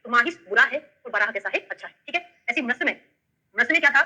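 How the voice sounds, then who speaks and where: Brisk bright-voiced woman with a Bundelkhandi lilt. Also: a little high, lively intonation, low-quality recording. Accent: Bundelkhandi Hindi. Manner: explains step by step and keeps checking in with questions. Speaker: Ayurveda tutor. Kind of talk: online lesson with memory tricks.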